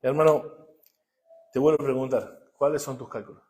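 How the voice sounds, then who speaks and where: Alternating between quiet asides and loud bursts of emphasis, this middle-aged pastor keeps asking his congregation rhetorical questions during his sermon. His pitch is medium, his intonation fairly even, and his pace moderate.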